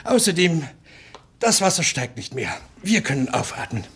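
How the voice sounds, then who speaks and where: A man's voice: fairly high pitch, sing-song, moderate pace, a bit bright, slightly rough, full character voice. A proud, pedantic older man. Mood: stubborn. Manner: pedantic, condescending. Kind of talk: 1960s radio play acting.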